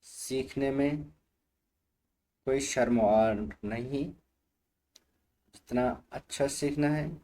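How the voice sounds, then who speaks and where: Slow, patient male reading teacher. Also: medium pitch, steady tone, warm tone. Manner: patient, repeats each letter and asks the learner to say it aloud. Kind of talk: slow letter-by-letter recitation lesson.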